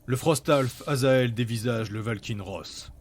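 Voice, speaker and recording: A man's voice: medium pitch, unhurried. A man reading scripted narration for a fantasy audio story.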